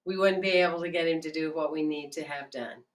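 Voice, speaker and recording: A woman's voice: fairly even intonation, fairly quick, natural voice. Woman doing a kindly country farmer. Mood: explaining. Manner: calls loudly and high to his horses. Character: friendly country farmer man with horse cart. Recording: faint music, distant mic.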